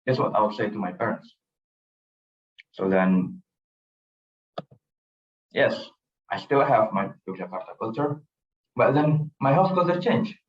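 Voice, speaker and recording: A man's voice: mid-range voice, expressive, measured pace, pauses often. Young man telling his story. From Indonesia. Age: young adult. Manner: earnest, storytelling, repeats phrases. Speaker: student presenter. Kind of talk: personal presentation talk. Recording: roomy, distant, dull sound.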